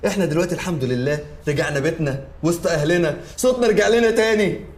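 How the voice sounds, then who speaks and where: Guy playing a joking egyptian dude, rapid chatter, echoey room. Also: a little high, a little mellow, close to an everyday voice. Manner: quick, wisecracking.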